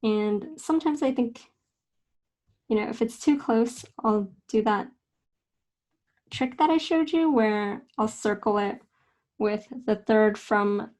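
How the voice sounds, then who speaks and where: A young woman teaching a casual drawing lesson, talking in a relaxed, chatty way with fillers and self-corrections. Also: a little high, takes it slowly, pauses often. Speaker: art instructor.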